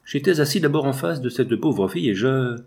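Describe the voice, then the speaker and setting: A man's voice: mid-range voice, animated, brisk, vocal fry, a little mellow. A man voicing an earnest, tall young painter who speaks urgently and insistently.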